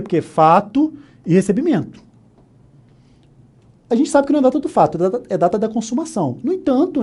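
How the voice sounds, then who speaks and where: A man's voice: high-pitched, dark tone, breathy edge. A Brazilian man teaching an exam-prep law lesson, walking through the answer step by step and checking in with the listener often. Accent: Brazilian Portuguese. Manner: explains step by step, often asking "né?", "ok?", "tá?". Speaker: law instructor. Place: online course studio.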